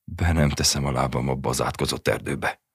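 Gruff short-fused husband, voiced by a man; very low, curt. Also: steady tone, no echo, studio quality, heavily acted. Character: gruff worn-out working man, short-tempered.

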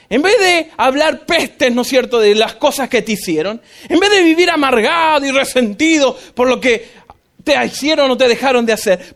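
A male pastor giving an animated sermon, acting out voices and dropping in English phrases. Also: very high-pitched.

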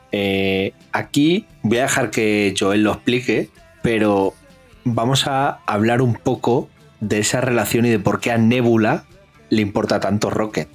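A man, co-hosting a casual film review podcast, retelling scenes with animated bits of dialogue. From Spain. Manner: animated, acts out film dialogue in raised pitch. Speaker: podcast co-host.

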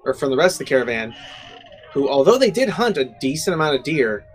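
A man narrating as game master in a casual tabletop game, relaxed and quick to laugh. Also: fairly high pitch.

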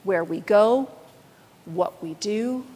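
A woman pastor preaching a sermon, telling a story in a lively storytelling manner. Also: mid-range voice, slow, slightly rough, big-room sound.

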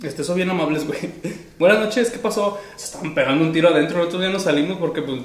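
A man's voice: a little high, fast talker, roomy sound. A young man with a Mexican accent telling a story in casual chat, full of slang, laughing and acting out quotes. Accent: Mexican Spanish.

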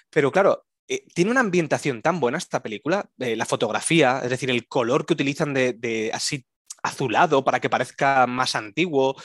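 A man's voice: mid-range voice, fairly bright tone, no echo, studio quality. A man with a Spanish accent co-hosting a casual film podcast, chatty and enthusiastic. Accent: Spanish from Spain. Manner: chatty, laughs often, enthusiastic. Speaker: podcast co-host. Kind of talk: casual film review chat.

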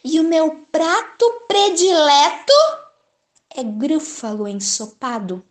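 A woman's voice: sits high, takes it slowly, pitched above the performer's own voice. A woman voicing a small, clever male mouse who boasts and bluffs in a children's story. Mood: smug.

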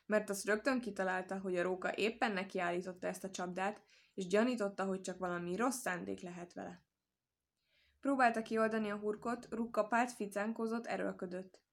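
A woman reading a folk tale aloud as storyteller, calm and measured. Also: mid-range voice, vocal fry.

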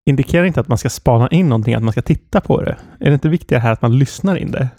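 A man co-hosting a casual podcast, brisk and direct and quick to disagree. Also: medium pitch, mellow, no room sound, clean studio sound. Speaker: podcast co-host.

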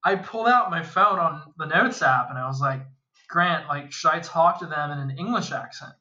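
A young man telling a rambling, animated story during a casual podcast chat. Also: fairly high pitch, moderate pace, dull audio.

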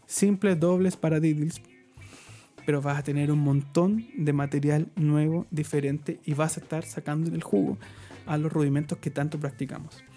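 A man's voice: a little high, steady tone, normal speed, dark tone, faint music behind. A man teaching drum rudiments, explaining patiently and checking in with his viewers. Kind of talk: online drum lesson.

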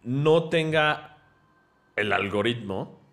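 A young Mexican man co-hosting a casual film chat, relaxed and casually profane as he recaps the plot. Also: medium pitch, takes it slowly, creaky. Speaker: podcast co-host.

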